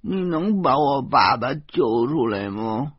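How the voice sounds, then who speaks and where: A man voicing a sulky, tearful little boy in an audiobook, whining and halting with hums and sobs. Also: medium pitch, lively intonation, husky, no echo, voice pushed up. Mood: pleading. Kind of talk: audiobook character voice. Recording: dull lo-fi audio.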